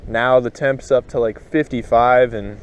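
Wind blows across the action-cam mic as a young fishing vlogger talks casually to his head-mounted camera at a pond. He sounds relaxed, thinking aloud while casting in an unhurried, medium-pitched voice.

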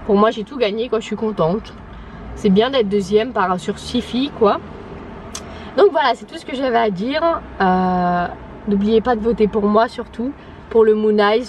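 Casual vlogger: young-sounding French woman, slightly high voice, chatty and rambling, street noise behind. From France. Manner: chatty, with many fillers. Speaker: au pair vlogger. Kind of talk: casual vlog chat.

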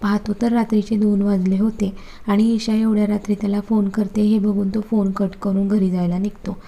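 A woman narrating a romance story in a steady, matter-of-fact reading. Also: medium pitch, moderate pace.

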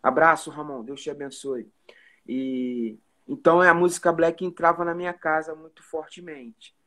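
A Carioca man from Rio de Janeiro, Brazil, a musician guest, tells stories over a casual live video call from an indoor room at home, using a phone or webcam. His voice is on the high side at normal speed, and his relaxed storytelling is laced with "né?" tags.

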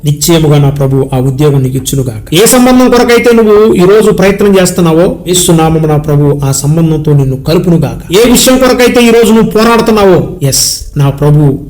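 High-voiced earnest preacher man. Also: lively intonation, a little mellow. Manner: earnest, exhorting, sings slow hymn lines. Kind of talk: sermon and prayer.

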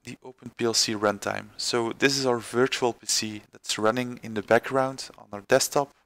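A man presenting a screen-recorded software tutorial, halting with many fillers and restarts. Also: medium pitch, fairly even intonation, creaky, a little hiss or hum.

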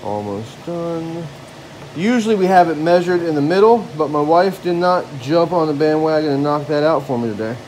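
A tired man in his thirties is building a squirrel table in his home garage, joking and mocking himself as he works through a casual woodworking how-to vlog. Recorded on a handheld phone camera, the audio is poor with slight background noise; his voice is a little high and a little mellow at a moderate pace.

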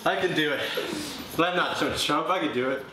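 Higher-voiced young man, mouth burning from spicy food. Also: brisk, far from the mic. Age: 20s. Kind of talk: casual chat to camera during an eating challenge. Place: indoor living room, on a couch. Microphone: camera a few feet away. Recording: very echoey living room, noisy background.

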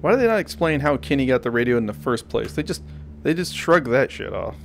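A man's voice: mid-range voice, big pitch swings, a little fast, vocal fry, slight background noise. A man giving casual, sarcastic, foul-mouthed commentary while playing a video game. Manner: sarcastic, profane. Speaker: gamer commentator.

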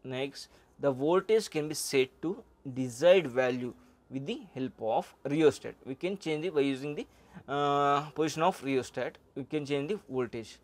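Male instructor, middle-aged, slide lecture, halting delivery with filler words. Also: on the high side. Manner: halting, frequent "uh" and "okay" fillers. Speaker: welding instructor.

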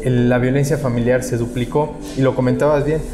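A man in his thirties with a Mexican Spanish accent, a public security expert giving measured, explanatory interview answers on a lapel mic in a small indoor room. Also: mid-range voice, steady tone. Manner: measured, explanatory, gesturing with hands. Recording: roomy echo, music underneath.

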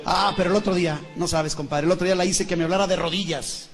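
A man's voice: sits high, steady tone, fast talker, soft background music. A man with a Mexican accent telling jokes as a stand-up comedian, chatty, asking the audience and laughing at his own lines. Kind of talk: joke telling.

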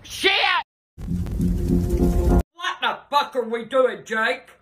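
An older woman, a grandmother with an irate, blunt, profane manner, talking casually and often shouting in a home bedroom. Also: a little high, huge pitch swings, very slow, loud music behind the voice. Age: older, 60s or above. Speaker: grandmother in prank videos. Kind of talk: casual reactions to pranks. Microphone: handheld phone camera a short distance away.

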